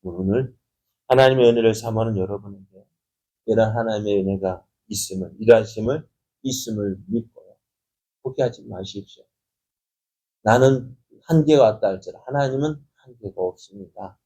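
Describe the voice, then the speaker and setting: A man's voice: fairly low pitch, moderate pace, dark tone, slightly rough, low-quality recording. A man preaching at an early morning church prayer service, asking his listeners rhetorical questions and then rising into sudden emphatic stresses. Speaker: pastor.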